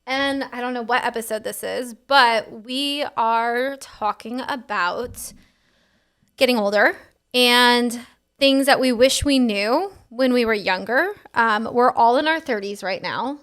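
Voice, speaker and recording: A thirty-nine-year-old woman hosting a podcast, talking in a relaxed, rambling way. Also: fairly high pitch, takes it slowly, clear, resonant tone. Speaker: podcast host. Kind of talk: casual chat.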